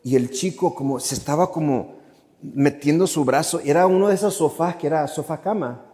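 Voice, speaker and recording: A man's voice: a little high, moderate pace, warm tone. A man, an Augustinian friar, telling a personal testimony in a parish church, acting out quotes and dropping into English phrases. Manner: vivid storyteller who acts out quotes and slips into English phrases. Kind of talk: storytelling testimony. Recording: long church reverb.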